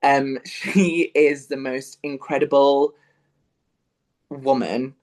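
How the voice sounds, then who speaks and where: A young musical theatre performer from Yorkshire, England, chats as a guest in a casual interview, his Northern English accent coming through amid many fillers and restarts. His mid-range voice is fairly even in intonation, slow and a little mellow.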